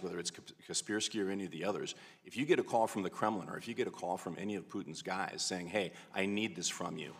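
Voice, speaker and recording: A man's voice: low-pitched, gravelly, a bit bright. A man testifying as an expert witness, explaining things in a colloquial, conversational way. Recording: reverberant hearing hall.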